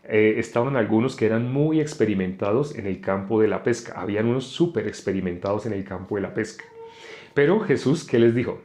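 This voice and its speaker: A man gives an informal Bible teaching on a live stream, speaking conversationally and repeatedly asking his listeners questions. His lowish voice is expressive and a little mellow, and he talks fairly quickly.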